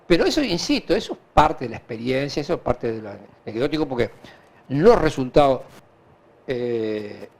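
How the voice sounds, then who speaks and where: A man with a Uruguayan Spanish accent answering conversationally in an interview, halting and repeating himself as he recounts anecdotes. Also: medium pitch, vocal fry. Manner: animated, halting and repetitive, with frequent filler tags. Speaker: interview guest, hospital director.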